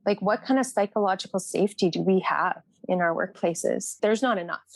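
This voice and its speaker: A woman's voice: medium pitch, a little fast, vocal fry, no room sound. A woman nurse from Canada, speaking earnestly in a podcast interview and often repeating phrases as she searches for words. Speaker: nurse guest. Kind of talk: podcast interview, personal reflection.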